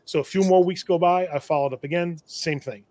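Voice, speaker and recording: Talkative male shop vendor, slightly high voice, rambling anecdote with wry chuckles. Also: brisk, a little mellow, a little hiss or hum. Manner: rambling, self-correcting, chuckles at own misfortune. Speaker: shop owner and tool vendor. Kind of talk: casual storytelling on a live show.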